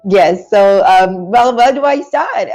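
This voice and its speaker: A middle-aged woman from Singapore, the founder of a business school, tells her life story as a guest on a video-call interview, recorded on a lapel mic in a small room. Her voice is mid-range and slow, and she tells it in an animated way, gesturing with her hands.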